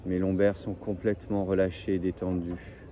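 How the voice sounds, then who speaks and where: A very dark, mellow male voice, low in register, guides a breathing and relaxation session. He speaks slowly and soothingly, repeating short phrases with little melodic movement. Faint outdoor noise and birds sit behind him. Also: flat delivery. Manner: slow, soothing, repetitive phrasing. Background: faint birdsong and ambient noise.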